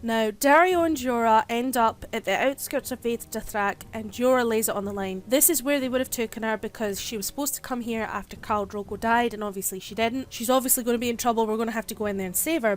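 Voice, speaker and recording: A woman giving a casual, chatty recap of a TV episode, paraphrasing the characters' lines as she goes. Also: a little high. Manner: chatty retelling with paraphrased quotes. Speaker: TV show reviewer.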